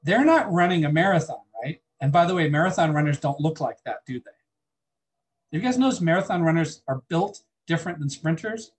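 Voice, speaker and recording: A man gives a biology lecture in a classroom, chatting with students and asking them questions. He speaks at a moderate pace in an expressive voice on the high side.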